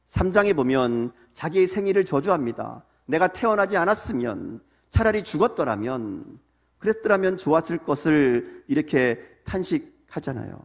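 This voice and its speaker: Korean man preaching a conversational sermon. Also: mid-range voice. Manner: conversational preaching, acts out lament in prayer voice. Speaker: pastor. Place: church sanctuary.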